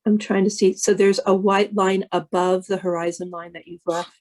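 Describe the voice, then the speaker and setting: Polite, tentative woman student with a mid-pitched voice, asking a teacher about her painting. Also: flat delivery, normal speed, darkish tone. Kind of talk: asking a question in class.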